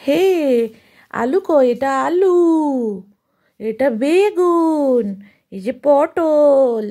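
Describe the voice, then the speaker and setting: Young mom reading to her toddler, slow sing-song voice, makes animal noises, high pitched. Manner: sing-song, imitating animal sounds for a child; turns aside to explain calmly. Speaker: mother. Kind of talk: reading a picture book to a toddler.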